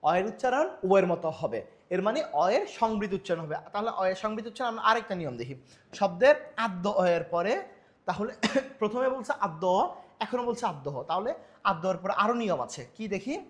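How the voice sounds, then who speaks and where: High-voiced male Bangla teacher. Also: lively intonation, moderate pace. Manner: asks questions and answers them himself, repeats example words. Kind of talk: classroom lecture on pronunciation rules.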